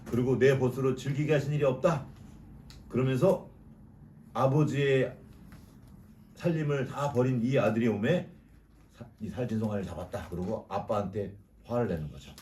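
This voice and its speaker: A man's voice: mid-range voice, normal speed, pauses often, darkish tone. A man giving a conversational sermon in a church, asking the congregation questions and acting out biblical characters' lines in a mocking tone. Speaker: preacher sharing a Bible reflection. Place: church sanctuary. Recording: distant mic with faint room noise.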